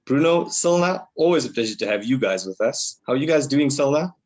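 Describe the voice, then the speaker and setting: Man, webinar host, relaxed friendly chat, mid pitch. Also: a little fast. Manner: friendly, easygoing, laughs often. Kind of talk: casual online discussion.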